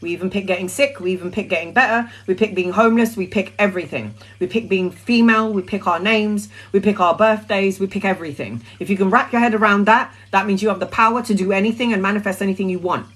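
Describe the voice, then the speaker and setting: Woman, middle-aged, mid-pitch; casual, sweary tarot livestreamer. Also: fast talker, few pauses, a bit bright, rough recording. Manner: chatty, blunt and sweary, with rambling restarts. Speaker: tarot reader answering viewer questions. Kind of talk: casual live-stream chat.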